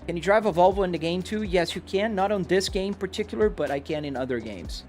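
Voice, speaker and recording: Speaking fast in a high-pitched, darkish voice, a native Portuguese speaker from Brazil answers viewers' questions on a livestream from his home office sim rig. He's casual as he drives the simulator, with music and the game's engine noise playing underneath.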